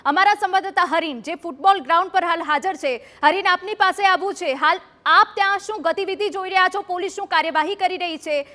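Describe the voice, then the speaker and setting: A woman anchoring a news broadcast, handing over to reporters with brisk, crisp questions. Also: very high-pitched, sharp tone.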